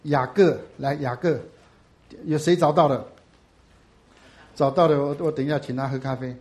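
A man's voice: fairly even intonation, moderate pace. Emphatic preaching man. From Taiwan. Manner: rising to loud emphatic bursts, then dropping low and soft; asks the congregation questions and answers them. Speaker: pastor. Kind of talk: sermon.

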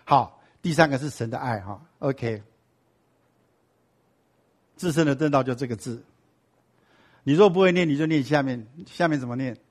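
A man's voice: mid-range voice, normal speed, pauses often. A man teaching a sermon-style Bible class. He keeps asking the class rhetorical questions and drops in English and Hebrew words.

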